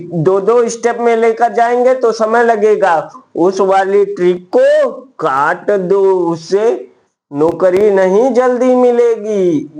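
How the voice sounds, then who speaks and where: A man with a high voice walks viewers through a maths trick at a slow, deliberate pace. He counts out each step and repeats it, speaking to his students in a friendly, casual way. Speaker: maths teacher.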